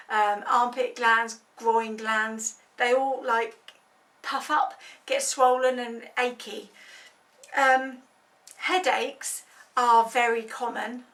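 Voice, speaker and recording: Woman, higher-pitched, clearly bright tone, informal explainer, conversational, personal examples, recorded slightly away from the mic. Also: flat delivery, takes it slowly, distant mic. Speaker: health awareness campaigner. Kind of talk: informal explanatory talk to camera.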